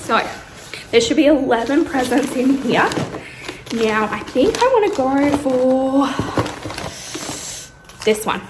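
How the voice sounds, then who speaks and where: A woman's voice: high voice, animated, takes it slowly, long pauses, reverberant, noisy background. Breathless Australian woman vlogging at night. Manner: chatty, with many ums. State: out of breath from pain. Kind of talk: casual vlog talk to camera. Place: bedroom at home.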